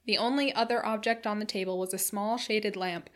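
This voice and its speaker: A woman narrating a classic novel in a measured, steady storytelling voice. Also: mid-range voice. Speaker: audiobook reader.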